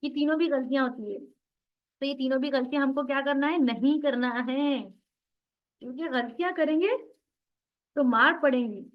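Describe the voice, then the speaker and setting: A woman's voice: high voice, moderate pace, pauses often. A woman teaching an online recitation class, explaining patiently, asking the class questions and repeating sounds over and over for practice. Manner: asks the class questions then answers them. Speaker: Tajweed teacher. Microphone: video call. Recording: dull lo-fi online class audio.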